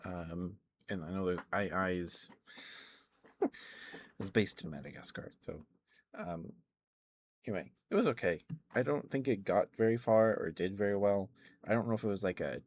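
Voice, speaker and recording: A man with a low-pitched voice talks casually on an ASMR stream. He meanders through his thoughts hesitantly, in the manner of someone chatting to viewers. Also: moderate pace, long pauses, a little mellow. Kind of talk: casual ASMR rambling to chat.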